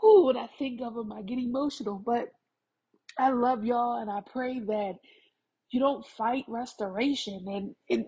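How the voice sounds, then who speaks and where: A woman's voice: on the high side, dark tone, breathy edge, low-quality recording. A woman hosting a podcast, closing with a fervent, repetitive prayer and an emotional, affectionate sign-off. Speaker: podcast host.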